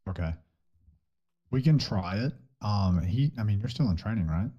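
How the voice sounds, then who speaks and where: Deep, mellow man on a dull mic. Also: expressive, normal speed, slightly rough. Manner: thinking aloud, hesitant, uses "um". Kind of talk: courtroom role-play in a game.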